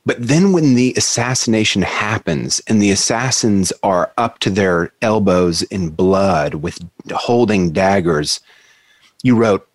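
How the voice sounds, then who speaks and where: A man's voice: sits low, no echo. A man interviewing a guest in a reflective, conversational way, sometimes quoting passages.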